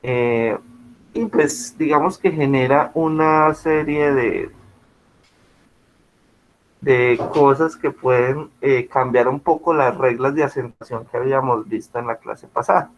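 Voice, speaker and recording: A man's voice: medium pitch, measured pace. A male teacher giving an online class, explaining patiently and checking often that students follow. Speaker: school teacher. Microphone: video call. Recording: muffled video-call audio.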